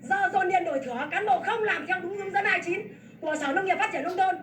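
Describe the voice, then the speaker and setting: A woman's voice: very high voice, quick pace, slight background noise. A woman from Vietnam, a farmer making an angry public complaint in a fierce, scolding, repetitive tirade. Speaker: farmer protesting land seizure. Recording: echoey, from far off the mic.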